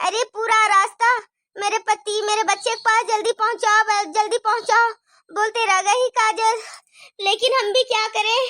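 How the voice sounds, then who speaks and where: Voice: very high-pitched, steady tone, moderate pace, pushed and bright. A voice actor playing a man who carried an injured woman home, urgently pleading with her to wake up. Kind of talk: cartoon story voice acting.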